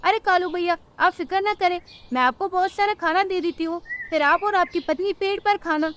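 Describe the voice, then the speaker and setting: A woman voicing a kind, generous female sparrow in a cartoon, gentle in her speech. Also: very high voice, moderate pace, a little hiss or hum. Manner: gentle and giving, pleading in the dream.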